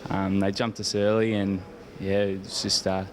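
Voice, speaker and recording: Speaking slightly slowly in a low, level voice, a young Australian-accented footballer from Australian rules gives rambling, hesitant, casual replies to an interviewer.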